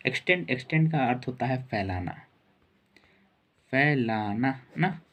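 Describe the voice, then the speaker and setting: Male teacher, mid-pitched voice, unhurried spelling lesson, lots of repetition. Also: expressive, dull audio. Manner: spells out letters slowly, repeats words and adds "ठीक है". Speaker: English teacher.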